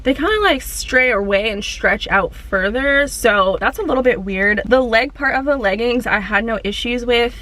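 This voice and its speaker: A woman's voice: on the high side, normal speed, few pauses, fairly bright tone. Chatty young woman fitness vlogger. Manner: chatty, upbeat, addresses viewers as girl. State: out of breath after workout. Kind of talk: casual gym vlog chat. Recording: faint music behind.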